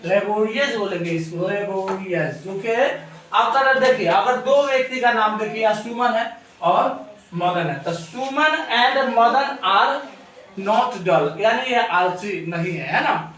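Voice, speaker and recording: A male teacher, high-pitched and bright, drills a class with repeated questions. His voice bounces around a very echoey room and sits some way from the mic. A faint hum of ambience runs behind him. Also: slow, far from the mic. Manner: asks the class rhetorical questions and repeats answers. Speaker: English teacher. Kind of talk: classroom grammar lesson.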